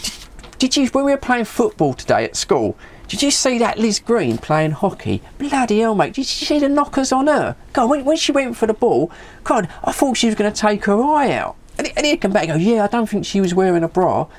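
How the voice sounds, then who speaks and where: Talking a little fast, a middle-aged man from the United Kingdom shares anecdotes in casual vlogger fashion. He animates remembered exchanges by performing each voice, his pitch lively and shifting, and he repeats words as he goes.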